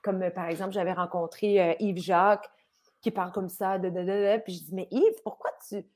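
A woman with a Québécois French accent, a singer speaking as an interview guest and telling stories with lively acted-out asides. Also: lowish voice, a little fast. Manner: lively storyteller who acts out quoted people. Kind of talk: casual remote interview.

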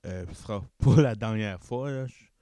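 A young man from New Brunswick, Canada, with an Acadian Chiac accent, hosts a casual solo podcast, rambling, correcting himself, and slipping English words into his French. His voice is lowish and mellow at a moderate pace, recorded in studio quality with no room sound.

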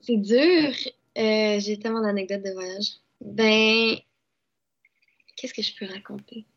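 Young québécois actress chatting away, lots of euhs, mid voice, kinda muffled lo-fi audio. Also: female voice, mid-range voice, slow pace. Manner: chatty, lots of fillers and restarts. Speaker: actress and dubbing artist. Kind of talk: casual interview chat. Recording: dull lo-fi sound.

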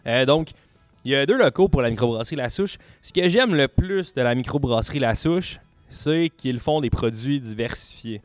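Male podcast contributor, Quebec French accent, mid-pitched, informal, repeats himself, dry sound over music. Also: expressive, moderate pace, dry recording. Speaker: podcast contributor presenting picks. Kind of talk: casual podcast chat.

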